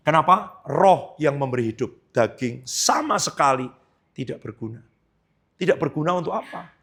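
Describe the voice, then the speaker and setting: A man delivers a sermon as a pastor, talking to his congregation in a relaxed, conversational way. His voice sits a little high and has a gravelly edge. He keeps asking the room questions as he preaches.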